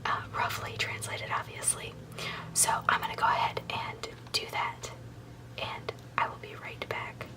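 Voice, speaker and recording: A video host whispers softly and unhurriedly in ASMR style, seeming a little distant from the microphone. She walks listeners through a recipe, adding chatty, instructional asides.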